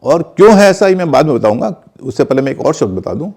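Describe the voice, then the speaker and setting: A man's voice: a little high, very animated, fast talker, dark tone, breathy edge. A man teaching English pronunciation in Hindi, methodically spelling words out and repeating examples. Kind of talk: explanatory lesson in conversation.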